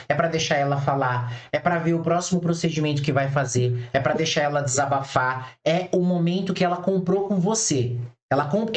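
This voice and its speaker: A man teaching eyebrow designers in a casual online class, chatty, blunt and familiar with his listeners, often acting out conversations with clients. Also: on the high side. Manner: chatty, acts out client dialogues in quoted voices.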